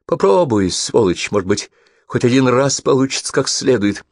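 A defiant young woman, taunting and mocking in a voice raised high, as a male audiobook narrator puts her on. The recording is dry and close. She sounds bold and scornful throughout. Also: lively intonation, moderate pace, dry recording.

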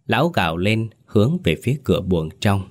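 A man's voice: lowish voice, very animated, fairly quick. A man narrating a horror story with dramatic, vivid delivery.

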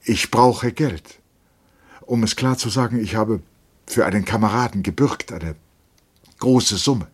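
A man voicing a young, soft-hearted lieutenant who is drunk and pleading. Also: fairly low pitch, unhurried, pauses often, slightly rough, voice pushed up. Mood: strained. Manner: pleading, emotional.

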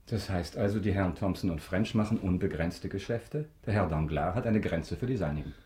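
An actor playing a wealthy, imperious count with polished, mocking irony in a German radio drama. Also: male voice, sits low, a little fast, warm tone, close to an everyday voice. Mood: mocking politeness. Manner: polished, ironic, haughty formal speech.

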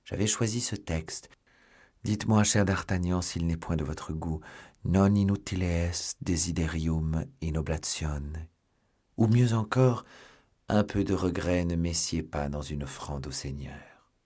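A man voicing a young male musketeer turned earnest, pious seminarian who speaks gently. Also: low-pitched, a little slow. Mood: gentle, earnest.

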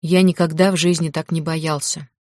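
A woman's voice: low-pitched, level tone, moderate pace, darkish tone, no echo, clean studio sound, lightly acted. A woman voicing a loyal young male dragon, tired and caring, in a fantasy audiobook. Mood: weary caring. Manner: weary, reproachful, caring.

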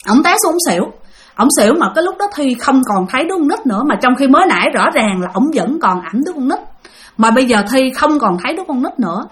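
A woman's voice: high-pitched, big pitch swings, quick pace. A woman casually telling a spooky first-person story, referring to herself in the third person and speaking directly to her listeners.

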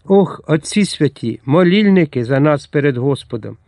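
Гарячий козацький полковник, якого грає читець, говорить пристрасно й рвучко, голос піднятий і напружений. Запис сухий, без кімнатного відлуння. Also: male voice, a little high, lively intonation, moderate pace, vocal fry, darkish tone, no room sound. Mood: impassioned. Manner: impassioned, vehement. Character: hot-tempered Cossack colonel, fiery and grieving.

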